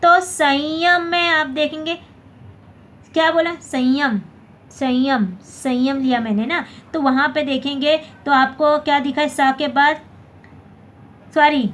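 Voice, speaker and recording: A woman's voice: sits high, fairly even intonation, unhurried, a bit bright. A woman teaching a basic grammar lesson, often asking "theek hai" and correcting her own slips. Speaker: Hindi teacher.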